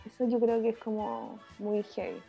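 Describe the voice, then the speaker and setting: A woman's voice: medium pitch, big pitch swings, normal speed, creaky, warm tone. A Chilean mother chatting casually in a frank, emphatic, slang-heavy way. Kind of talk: casual chat. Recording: dull lo-fi audio with faint music.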